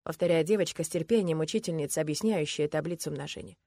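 A woman narrating a story in the first person, lively and voicing the other characters. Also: deep voice, quick pace, no room sound. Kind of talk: audiobook narration.

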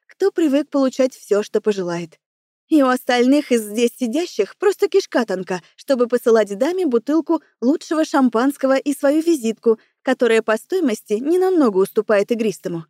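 A woman's voice: high-pitched, warm tone, no echo. A woman narrating a first-person story in a wry, self-assured way, close to the mic. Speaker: audiobook narrator.

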